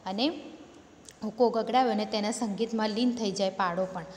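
Woman teacher with Gujarati accent, mid pitch, patient story-reading lesson recorded in a reverberant room. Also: moderate pace, a little mellow. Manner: reads a line then retells it in plain words. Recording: echoey room with faint noise.

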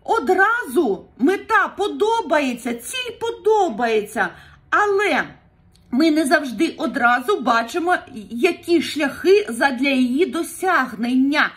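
Super high-pitched woman doing a tarot reading, chatty, laughs a lot, lots of fillers. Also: animated, a little slow, a bit bright. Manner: chatty and earnest, with frequent laughs and filler words. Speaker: tarot reader. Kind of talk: casual tarot reading advice to viewers.

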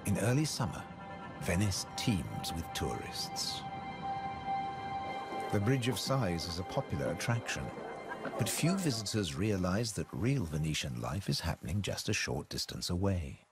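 A male nature documentary narrator with a low voice and a very animated melody. He reads from a script in measured phrases, pausing for emphasis. Loud music plays beneath his narration. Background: prominent music.

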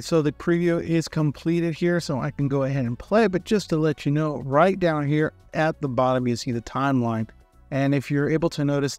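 Calm man walking through a software tutorial. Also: a little high, no room sound. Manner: relaxed, step-by-step, friendly explaining. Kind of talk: screen-recorded software tutorial.

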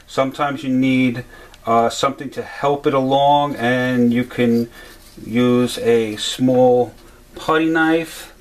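A man explains a repair step by step at a workshop bench, in an unhurried, middle-pitched voice. He talks plainly and fills his pauses with "uh" and "um." A faint hiss sits under the recording. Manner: plain, step-by-step, with many "uh" fillers. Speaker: HVAC supply instructor. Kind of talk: how-to repair demonstration.

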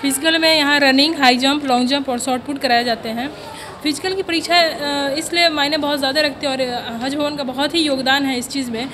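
A woman's voice: high voice, steady tone, a little fast, a bit bright, a little hiss or hum. A woman recruit explains with some hesitation into a handheld mic. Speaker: police sub-inspector recruit. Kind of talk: interview answer.

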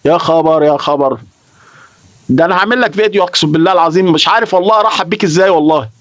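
A man's voice: a little high, very fast, a bit bright, dry recording. A young Egyptian man chatting on a live stream, emotional and repeating himself, swearing oaths as he talks. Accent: Egyptian Arabic. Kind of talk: casual live-stream chat.

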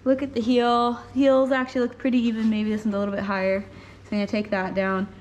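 A young adult horse owner gives a casual hoof trimming tutorial in an indoor barn with a concrete floor, speaking over noisy rasping. Her voice sits on the high side, level and somewhat dark, as she thinks aloud in short, halting phrases. Filing, scraping and clattering tools are clearly heard.

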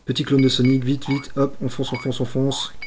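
At a normal speed and medium pitch, a man commentates live over old games he's streaming. He gets excitable, mutters to himself, exclaims at errors, and makes self-deprecating asides, with slight hiss or hum in the audio.

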